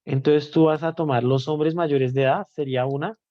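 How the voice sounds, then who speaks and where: A math teacher runs a live online class in a dark, mellow, slightly high voice with a steady tone. He takes each definition step by step, often pausing to make sure students are following, and the audio is a little dull and lo-fi.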